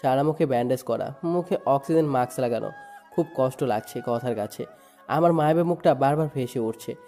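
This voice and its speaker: A man's voice: medium pitch, a little fast, dark tone, soft background music. A man narrating a first-person dramatic story in a sorrowful, emotive way. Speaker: narrator and lead voice.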